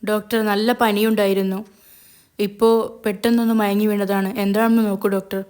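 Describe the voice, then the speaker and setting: A woman's voice: medium pitch, little pitch movement, brisk, darkish tone, smooth, lightly acted. A woman voicing a kind older mother figure who soothes and reassures the family. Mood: soothing. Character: kind older grandmother figure, calm and comforting.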